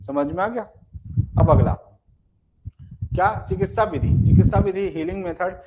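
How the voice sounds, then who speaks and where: A man's voice: high-pitched, unhurried, breathy edge. A male teacher giving a live exam-prep class, explaining step by step, often checking whether students understand, and showing points with a book in his hands. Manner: explanatory, repeats "ठीक है" and quiz questions; demonstrates with gestures and a book. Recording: dull lo-fi sound with faint noise.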